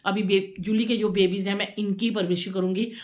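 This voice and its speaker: A chatty woman vlogger speaks in a casual, emotional way. Her pitch sits in an ordinary middle range, and she tends to repeat phrases as she talks. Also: steady tone, moderate pace, darkish tone. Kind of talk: casual home vlog chat.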